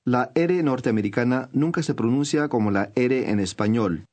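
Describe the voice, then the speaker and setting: A man giving clear, patient scripted instructions as a language course narrator. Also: mid-range voice, normal speed, darkish tone.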